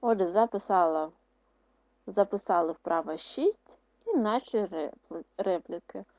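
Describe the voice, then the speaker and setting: A woman teacher giving a video lesson to schoolchildren, dictating words slowly and explaining rules in a clear, instructive way. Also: mid-range voice, lively intonation, a little mellow, no echo. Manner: slow, syllable-by-syllable dictation of words. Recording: dry, muffled lo-fi recording.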